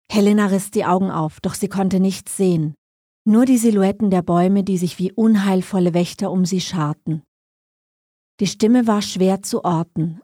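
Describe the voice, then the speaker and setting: A woman narrating a scripted story with measured, suspenseful pacing. Her tone is mellow and dark, of middle pitch. The recording is dry and close with no room sound. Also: no echo.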